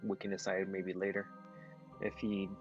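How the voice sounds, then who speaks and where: Man playing a tabletop game, low pitch, hesitant, lots of fillers, faint music. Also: monotone, moderate pace, lo-fi sound. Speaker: player.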